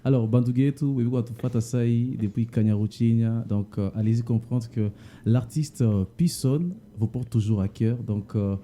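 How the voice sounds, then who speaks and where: A man with a Congolese accent hosting an interview, putting questions in a halting way and repeating words. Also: mid-range voice, mellow, a little hiss or hum. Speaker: interviewer, host.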